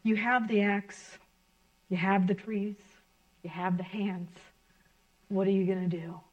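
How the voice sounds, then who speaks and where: A woman minister giving a sermon to her congregation in an earnest, reflective, gently encouraging way. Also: mid-range voice, steady tone, measured pace, highs cut off.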